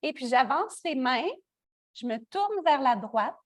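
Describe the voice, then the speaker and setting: A woman with a Quebec French accent, teaching a yoga class with calm step-by-step cues and light joking asides. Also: sits high, a little slow, no echo, studio quality. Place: yoga studio.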